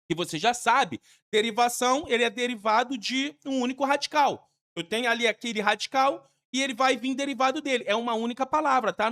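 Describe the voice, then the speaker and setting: A woman's voice: a little high, fairly bright tone. A woman with a Brazilian Portuguese accent gives an exam-prep grammar lesson. She is emphatic and repetitive and uses casual slang. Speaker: teacher.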